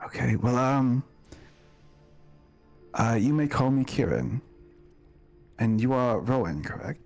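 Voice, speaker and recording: Man playing a formal, awkward gentleman, animated pitch. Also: takes it slowly, soft background music. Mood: awkward, courteous. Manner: formal, hesitant, courteous phrasing. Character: polite, awkward lordly man with childhood toy companion.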